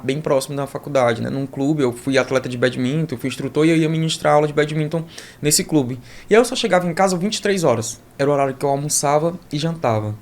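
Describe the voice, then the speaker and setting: Man, podcast guest, personal story, animated, fast, middle pitch. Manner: animated, full of asides and repeated "né?".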